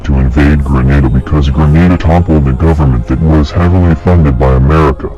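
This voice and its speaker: A man with a disguised, pitched-down deep voice, delivering a grave, accusing scripted address as an anonymous narrator. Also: dark tone. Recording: dull lo-fi audio with faint music.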